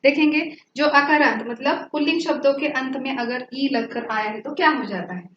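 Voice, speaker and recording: A woman's voice: high voice, moderate pace. A woman teaching a Hindi grammar lesson, patiently repeating each word and often checking that her students understand. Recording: roomy, dull lo-fi with faint hiss.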